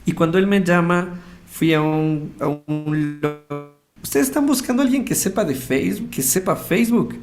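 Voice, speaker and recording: Over music, a man with a slightly high, animated voice speaks at normal speed, recounting a personal story as an interview guest. He's a radio host with an Ecuadorian Spanish accent, acting out lines of dialogue as he tells it casually.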